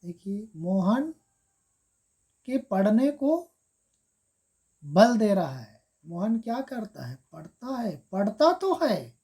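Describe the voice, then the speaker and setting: A woman gives an exam-prep grammar lesson at an unhurried pace. Her voice is warm and mellow rather than bright. She repeats each example, stressing the key word, and speaks to viewers as friends. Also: medium pitch. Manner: addresses viewers as friends, step-by-step explaining. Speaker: Hindi grammar teacher.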